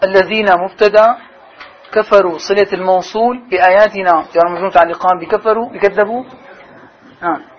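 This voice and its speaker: A man's voice: sits high, steady tone, fairly quick. A man teaching a grammar lesson to a class, often questioning his students and stretching out key words. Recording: dull lo-fi classroom recording.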